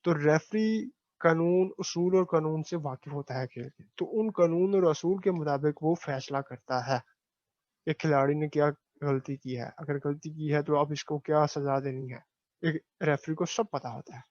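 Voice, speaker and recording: A man's voice: a little high, normal speed, darkish tone, no room sound. A male teacher reads a textbook aloud and explains each word, asking and then answering his own questions. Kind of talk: classroom lecture reading and explaining a textbook. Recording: dry, dull lo-fi recording.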